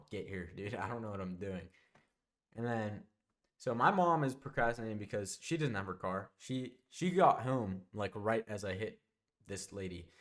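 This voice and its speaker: A young man telling a casual storytime monologue, rambling and backtracking, often dropping into quieter asides. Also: on the low side. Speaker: vlogger.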